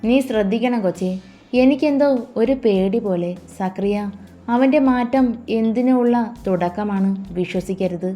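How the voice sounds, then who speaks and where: A woman's voice: medium pitch, moderate pace, mellow, dull audio, soft background music, lightly acted. A woman voicing a grave, worried old mother.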